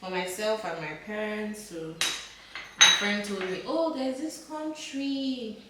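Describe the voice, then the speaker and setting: A woman's voice: mid-range voice, takes it slowly, very noisy. A young woman chats in a rambling, easygoing way, full of "like" and "basically", as she cooks. Her voice sits in the middle range and sounds distant from the camera in a very echoey kitchen. Dishes and pans clatter faintly in the background. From Nigeria. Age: young adult. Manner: chatty, rambling, many "like" and "basically". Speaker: guest, university student. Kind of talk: casual interview while cooking. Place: home kitchen. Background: cutlery and pans clattering.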